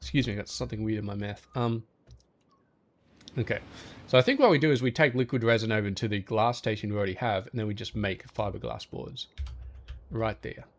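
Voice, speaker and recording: A man's voice: on the low side, fairly quick. Easygoing man thinking aloud. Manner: easygoing, thinking aloud, talks to game objects. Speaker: gaming channel host. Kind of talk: relaxed gameplay commentary.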